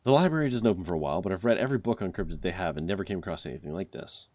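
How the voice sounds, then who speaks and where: A man voicing a bold, curious young woman who talks briskly and with determination in a game. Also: low-pitched, animated, darkish tone, no echo.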